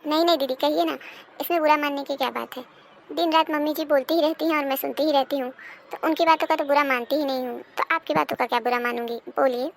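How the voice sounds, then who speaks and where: Cartoon: a wronged, polite young daughter-in-law, voiced by a woman, high-pitched. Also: fairly even intonation, fast talker, vocal fry, a little hiss or hum. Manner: polite, then pleading and aggrieved. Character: put-upon young daughter-in-law, polite but aggrieved. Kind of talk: cartoon dubbing.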